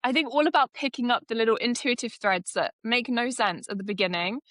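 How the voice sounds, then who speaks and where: A woman's voice: a little high, a little fast, a bit bright, no echo. A woman in her twenties from the UK, an AI consultant answering podcast interview questions with frequent laughter. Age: 20s. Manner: enthusiastic, laughs often. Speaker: guest, AI consultant.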